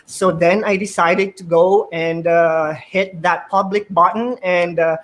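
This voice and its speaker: A Filipino math teacher, a native Filipino speaker with a Filipino accent, earnestly tells his story as a panel guest on a video call, often repeating words while he thinks. His high voice is steady, a bit bright and a little slow.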